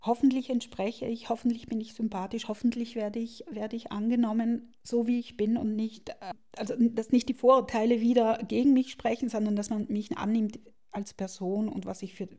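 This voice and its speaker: Gravelly-voiced woman. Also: on the high side, steady tone, warm tone. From South Tyrol, Italy. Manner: thoughtful, searching for words with many pauses and restarts. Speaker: interview guest. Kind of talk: reflective personal storytelling.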